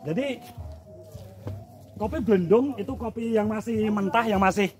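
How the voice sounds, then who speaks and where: This time the Javanese-accented host speaks a little slowly, his high voice a little mellow, as he asks locals questions for his casual vlog. Standing outdoors on a coffee-growing hillside, he stays chatty and curious and often repeats their replies.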